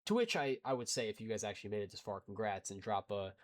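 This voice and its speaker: A man's voice: on the low side, big pitch swings, fast. A young man in his twenties, a gaming YouTuber chatting casually and rambling to his viewers with self-deprecating asides. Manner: rambling, self-deprecating, talks in restarts and filler.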